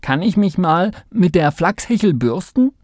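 A man's voice: high-pitched, very animated, a little mellow, no echo, studio quality, voice pushed up. A man doing a whiny little mole. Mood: indignant. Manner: whiny, pleading, quick to sulk. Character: small anxious male mole, easily upset. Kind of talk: storybook reading.

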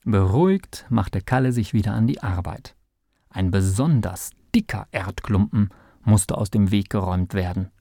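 Mellow man reading a children's story. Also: lowish voice, moderate pace, gravelly, dry recording, studio quality. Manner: gentle, expressive storytelling. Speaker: narrator.

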